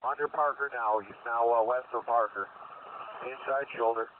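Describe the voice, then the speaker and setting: A man's voice: medium pitch, steady tone, moderate pace. Guy on police radio calling out where the suspect is, tinny with faint static. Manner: terse running updates on location. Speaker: police officer tracking a pursuit.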